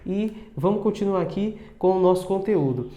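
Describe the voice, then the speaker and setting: Male online teacher, warm mellow voice, casual and chatty, echoey room. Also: high voice, animated, highs cut off. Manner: chatty, repeats words slowly with many tags like tá and né. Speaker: English teacher. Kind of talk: casual video lesson.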